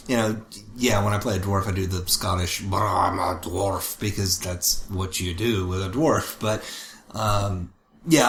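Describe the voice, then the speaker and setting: Here a man co-hosts a podcast, his voice a bit bright and on the low side. He muses aloud in a relaxed, rambling way and keeps revising what he says, in a roomy space with faint background noise.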